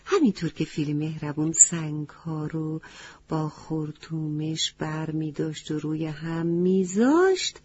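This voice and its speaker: A woman telling a children's story in a mellow, breathy voice. She talks gently and often turns to ask her young listeners questions. The recording is dull and lo-fi. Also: sits low.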